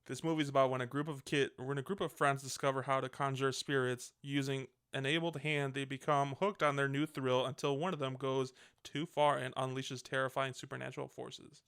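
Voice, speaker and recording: A man with a gravelly, fry-heavy voice talks through a movie plot like he's chatting with a friend. He rambles, backtracks and swears casually. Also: medium pitch, little pitch movement, brisk, few pauses, fairly bright tone. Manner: rambling, swears freely, self-correcting. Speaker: podcast host. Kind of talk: casual movie review chat.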